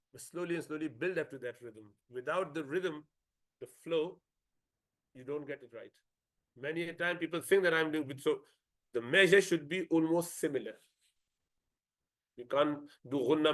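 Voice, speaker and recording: A man teaching a Quran recitation class, explaining rules briskly and chanting verses slowly for the class to follow. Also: fairly high pitch. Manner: switches between brisk explanation and slow melodic chanted recitation. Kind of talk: tajweed class, modelling recitation.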